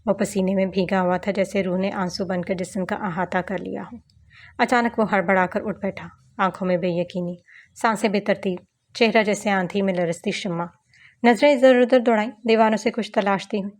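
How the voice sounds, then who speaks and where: A woman's voice: mid-range voice, fairly even intonation, normal speed. A woman narrating a romance audiobook novel in a flowing, dramatic reading style with occasional stumbles.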